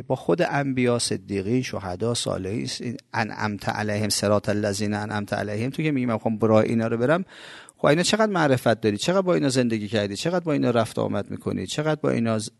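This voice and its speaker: Male preacher from Iran, gravelly, conversational sermon with emphatic swells and rhetorical questions. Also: mid-range voice, no echo, studio quality. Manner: emphatic, rhetorical questions, sudden loud rises then soft asides. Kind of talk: colloquial religious sermon.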